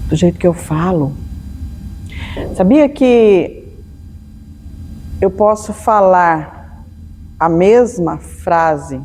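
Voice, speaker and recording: A woman's voice: lowish voice, dark tone, long reverb tail, slight background noise. A Brazilian woman giving a spiritual lecture to an audience, telling everyday stories and acting out bits of dialogue. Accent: Brazilian Portuguese. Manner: storytelling, acts out dialogue.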